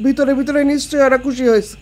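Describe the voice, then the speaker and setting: A woman's voice: high voice, steady tone, very fast, close to an everyday voice. An actress playing a bitter, grieving middle-aged mother.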